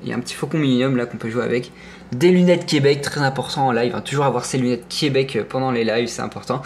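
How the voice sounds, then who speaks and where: A young French-accented gaming streamer with a mid-range voice shows off his setup at a quick pace, with slight background noise. His casual tour of the gaming room wanders, full of hesitations and self-corrections, as he jokes playfully and enthusiastically about his collectibles.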